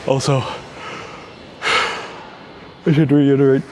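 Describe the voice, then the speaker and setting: This gym vlogger talks in a mid-range voice with a level tone, slow and mellow. It's relaxed, rambling workout chat to the camera between sets, sprinkled with "dude," over noisy gym ambience.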